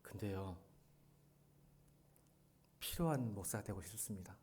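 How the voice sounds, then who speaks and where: A middle-aged man, a pastor, preaching a sermon in a church, shifting between quiet, earnest lines and loud, animated retellings. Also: fairly low pitch, unhurried, a little hiss or hum. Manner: animated, swings from soft to loud when retelling a drama scene. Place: church sanctuary.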